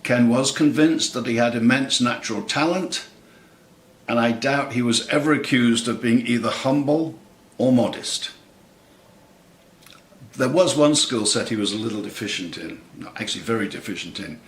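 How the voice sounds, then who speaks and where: A man in his seventies giving a scripted eulogy in a measured, wry, tongue-in-cheek way with deliberate pauses. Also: mid-range voice. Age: 70s. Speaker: eulogist, lifelong friend of the deceased. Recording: roomy, echoing sound.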